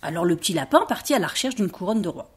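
A woman reading children's tales aloud, expressive and dropping to a hush at tense moments, with a breathy voice. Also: fairly low pitch, fast. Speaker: storyteller.

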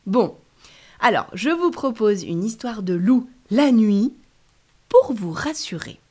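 Woman telling kids a story, slow and bright-pitched, talks right to them. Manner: lively, addresses listeners directly. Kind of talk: storytelling for children.

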